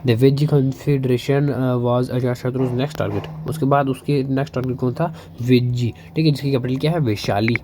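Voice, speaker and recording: A man teaching history for exams, reading English lines slowly, then explaining fast in Hinglish with fillers and questions he answers himself. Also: mid-range voice, fairly even intonation, noisy background. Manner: keeps asking and answering his own questions. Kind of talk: exam-prep lecture.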